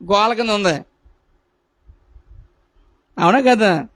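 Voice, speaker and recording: High-voiced man preaching a sermon. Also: animated, slow, a bit bright. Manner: repetitive, asks the congregation rhetorical questions. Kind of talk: sermon at a prayer meeting.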